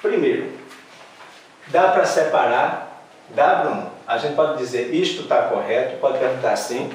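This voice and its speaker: Male Brazilian teacher, slow, self-answering questions; distant mic in a reverberant room. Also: medium pitch, lively intonation, slight background noise. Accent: Brazilian Portuguese. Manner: slow, questions and answers himself, stresses syllables. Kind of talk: grammar lesson.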